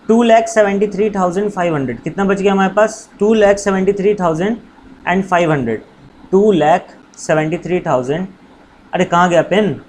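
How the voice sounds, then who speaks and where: High voiced teacher guy, jokey, teases his students, faint background hiss. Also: fairly quick, darkish tone. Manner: playful, teasing, calls students "babu". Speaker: commerce teacher. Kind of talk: casual classroom lesson.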